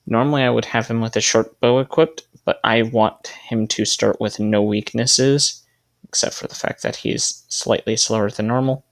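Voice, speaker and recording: Gravelly man thinking aloud over gameplay. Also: mid-range voice, steady tone, moderate pace. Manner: thinking aloud, self-correcting, trailing off. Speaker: gaming video creator. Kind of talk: casual gameplay commentary.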